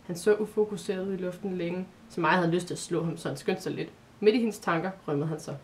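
A woman reading a children's Christmas story aloud in a calm, measured way, with the odd small restart. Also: on the low side, a little hiss or hum.

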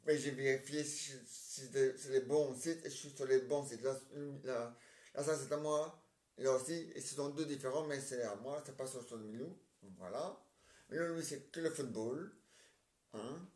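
Halting man performing a homemade play. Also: mid-range voice, a little mellow. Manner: rambling, halting, many hesitations and filler tags. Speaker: amateur playwright performing all parts. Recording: roomy echoey home recording.

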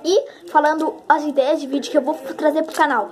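A high-pitched woman chats brightly with her viewers, her words muffled by the lollipop in her mouth. She talks in an easy, upbeat vlog manner. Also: steady tone, brisk. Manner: chatty, upbeat, addresses viewers directly. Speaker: channel host. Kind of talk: casual snack-tasting vlog.

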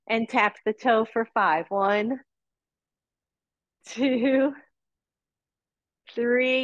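A woman teaching a live yoga class, calling out cues and counts with encouraging, breathy exhales. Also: on the high side, no room sound, highs cut off.

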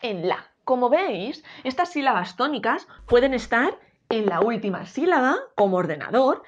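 A woman teaching a grammar lesson, slowly spelling out syllables. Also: a little high, big pitch swings. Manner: clear, drawn-out syllables for teaching. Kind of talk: explaining a Spanish grammar lesson. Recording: dull lo-fi sound.

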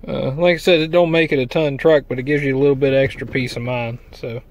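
A man's voice: medium pitch, fairly even intonation, fast talker. A man casually showing off a truck part he had installed, rambling in a folksy way with fillers, filming on a handheld phone from inside the truck and outside by a trailer. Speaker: vlogger reviewing truck accessories. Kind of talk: casual walkthrough vlog.

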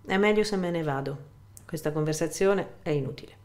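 A woman reading the part of a calm, gentle elderly man who speaks in a measured way, in a low voice. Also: close to an everyday voice.

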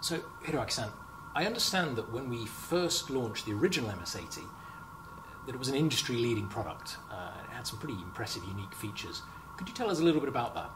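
Standing in a company lab, a young man hosts a corporate product interview as the marketing host, upbeat and chatty and full of fillers. His mid-range voice is sing-song, and he talks fast. The recording picks up lab background noise.

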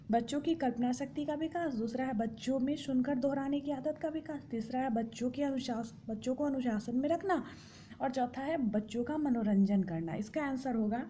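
Methodical woman tutor, mellow voice. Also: sits high, a little hiss or hum. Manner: steady, methodical, lists options in order. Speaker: exam prep tutor. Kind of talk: reading out exam questions and answers.

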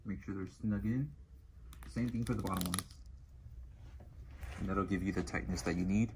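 A man speaking through a gas mask while giving a relaxed product tutorial, with many ums and uhs. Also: lowish voice, slight background noise, poor audio. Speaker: product demonstrator.

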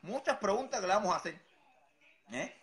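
A Cuban man with a Cuban accent talks in a sarcastic, repetitive, taunting way. His voice sits a bit high and rings bright and forceful. His pitch swings widely as he needles his target. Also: expressive, fairly quick, a little hiss or hum. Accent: Cuban Spanish. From Cuba. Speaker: satirical vlogger. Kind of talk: mocking impression monologue.

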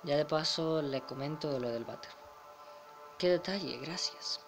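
A man's voice: fairly high pitch, a little slow, over music. A young man with a Spain Spanish accent commenting casually over a game, chuckling and reading the dialogue aloud. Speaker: gamer. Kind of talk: let's play commentary.

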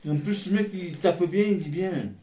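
A man's voice: high voice, normal speed, dark tone. A man chatting casually while munching crunchy chips. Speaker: vlog co-host tasting snacks. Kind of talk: casual chat. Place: small hotel room, indoors. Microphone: phone camera a couple of metres away. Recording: echoey, distant phone recording with noise.

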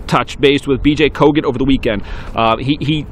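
A man in his forties hosting a weekly fishing report to camera, outdoors on a dock, talking briskly and upbeat with some fillers. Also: mid-range voice, slight background noise.

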